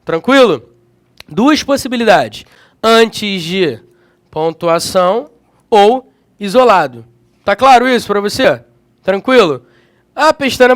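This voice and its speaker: A man leads a grammar lesson for exam prep in a strikingly high voice. His pitch rises and falls all the time as he talks, keeping the delivery energetic. He keeps checking in with his students as he goes. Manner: energetic, checks in often with slangy tags. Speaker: grammar teacher.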